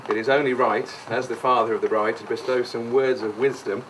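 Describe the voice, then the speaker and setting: A brisk man with a medium-pitched, steady voice, the bride's brother, delivers a rambling, best-man-style speech at a wedding reception. He jokes, feigns sincerity, and wanders off on tangents, captured in a noisy, distant live recording of the room.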